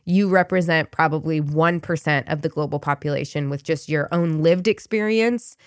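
Low-voiced woman podcast host. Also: moderate pace, dry recording, studio quality. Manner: curious, thoughtful, rambling questions. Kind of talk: interview conversation.

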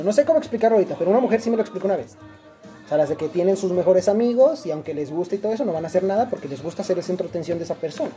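A young man with a Mexican accent spins a long personal story in a casual chat, rambling, slangy and full of restarts. His voice sits high and has a warm tone.

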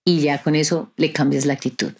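Rhetorical questions aimed at listeners run through this woman's reflective podcast monologue, delivered conversationally with a preachy edge. Her voice sits low and is husky and a little mellow, with fairly even intonation and a slightly fast pace.

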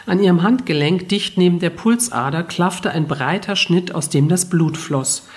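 A woman narrating a first-person novel as an audiobook, telling it in a calm, even way. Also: fairly low pitch, moderate pace.

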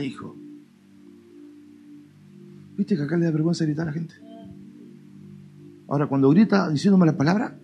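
A male pastor with an Argentine Spanish accent, preaching a lively, colloquial sermon with playful mock dialogues. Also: a little high. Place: church.

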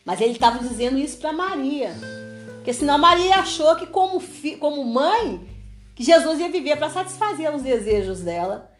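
A woman's voice: high-pitched, animated, normal speed, reverberant, faint music behind. A woman leading a prayer and Bible study, earnest and repeating her phrases, often checking in with her listeners.

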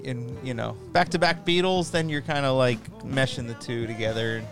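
A man's voice: medium pitch, normal speed. A man co-hosting a podcast, chatting casually in an easygoing, banter-filled way. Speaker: podcast co-host. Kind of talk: casual chat. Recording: music playing under the voice. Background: recorded music.

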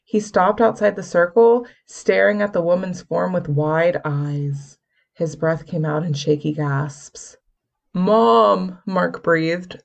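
Woman audiobook narrator, lowish gravelly voice, even storytelling. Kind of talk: scripted narration.

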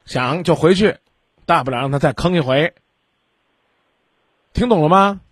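A man's voice: on the high side, moderate pace, husky, no room sound, studio quality. A man hosting a radio call-in advice show, talking bluntly with scolding sarcasm.

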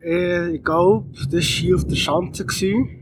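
A man's voice: high-pitched, very animated, unhurried, vocal fry. A young man with a Swiss German accent chatting casually as an interview guest. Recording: distant mic with loud background noise.

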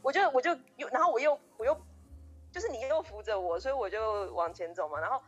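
A woman's voice: fairly high pitch, animated, fast talker, fairly bright tone, breathy edge, faint music behind. A young woman co-hosting a podcast, eagerly retelling a story with many restarts and quoted dialogue. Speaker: podcast co-host. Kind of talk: casual storytelling chat.

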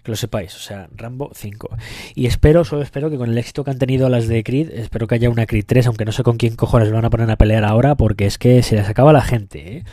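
A man's voice: mid-range voice, fairly even intonation, fast talker, mellow, no echo, clean studio sound. A young man with a Spain Spanish accent hosting a solo podcast, rambling and joking crudely, with plenty of profanity. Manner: rambling, loses the thread. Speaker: podcast host. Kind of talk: casual solo podcast rant.

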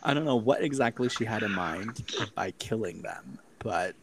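A man's voice: lowish voice, moderate pace, low-quality recording. A man casually recapping a horror film with a co-host, swearing often and laughing between lines. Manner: animated, profane, laughs often. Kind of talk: casual chat, recapping a movie.

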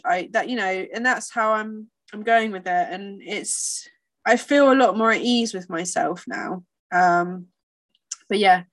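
A woman's voice: medium pitch, a bit bright. A woman in casual, confiding conversation, speaking in a candid, informal and reflective way.

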